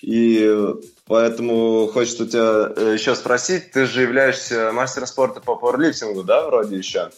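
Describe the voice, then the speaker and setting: Informal male interviewer over soft music. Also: mid-range voice, fairly even intonation, normal speed. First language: Russian. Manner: informal, familiar. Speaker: interview host. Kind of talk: casual interview questioning.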